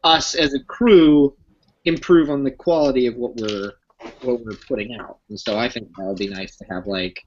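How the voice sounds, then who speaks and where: A crew member of the series chatting eagerly and pitching ideas in a casual group call. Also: normal speed, dull audio.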